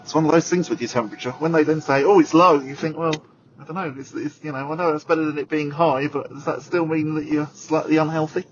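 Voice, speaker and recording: Chatting his way through his arrival, from a car to a walk outside a stadium, then talking it over back in the studio, this radio presenter is self-deprecating and heavy on fillers. The man's voice is a little high and fairly even in intonation, and he talks fast. The recording sounds muffled with a little hiss or hum.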